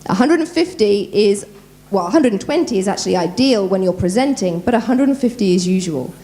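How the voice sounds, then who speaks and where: A woman voice coach giving a lively workshop at a conference, talking quickly and quizzing the audience. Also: mid-range voice. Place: conference room.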